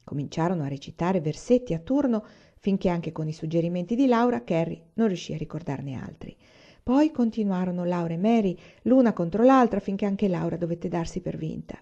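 A woman narrating a novel aloud in calm, even storytelling. Her voice is warm and mellow. The recording sounds slightly dull and lo-fi. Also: fairly low pitch, a little fast. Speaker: reader. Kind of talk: audiobook narration.

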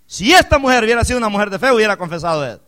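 A man preaching a sermon as pastor, swinging between quiet storytelling and loud, emphatic swells, often calling out to his listeners as brother. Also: high voice, sing-song, very fast. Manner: addresses listeners as "hermano".

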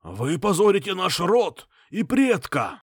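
A man voicing a frail old clan patriarch with a hoarse, rattling voice who shouts in protest. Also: high voice, huge pitch swings, takes it slowly, no echo, clean studio sound, pitched above the performer's own voice, full character voice. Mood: bitter. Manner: shouting, pleading.

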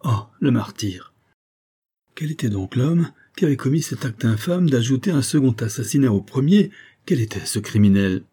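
Man reading as a gentle chemist, aghast and exclaiming, dark husky voice, audiobook. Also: on the low side, normal speed, few pauses. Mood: shocked. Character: shocked elderly male chemist, gentle and upright.

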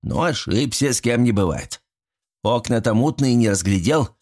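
A man's voice: medium pitch, lively intonation, moderate pace, darkish tone, close to an everyday voice. A man voicing a flustered old village man who sputters and squeals indignantly.

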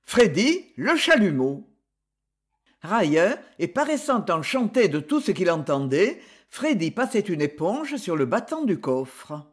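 Brief: dramatic reader of a classic novel, animated delivery. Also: medium pitch, unhurried. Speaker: audiobook reader. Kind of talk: scripted narration of a classic novel.

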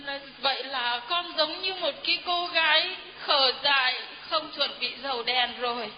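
A woman's voice: high voice, a little slow, slight background noise. A middle-aged woman giving an earnest, deferential testimony to a priest in a church hall. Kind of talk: heartfelt spoken testimony. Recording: dull reverberant hall recording.

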